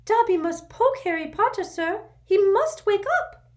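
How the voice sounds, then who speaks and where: A woman voicing an eager, servile male house-elf with a squeaky voice and broken grammar, in a storybook reading. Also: lively intonation, unhurried. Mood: urgent, squeaky. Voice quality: squeaky, broken grammar, says sir constantly.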